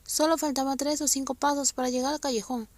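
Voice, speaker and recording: A woman narrating a romance novel aloud, speaking softly and often half-whispering. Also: sits high, little pitch movement, fast talker, no room sound.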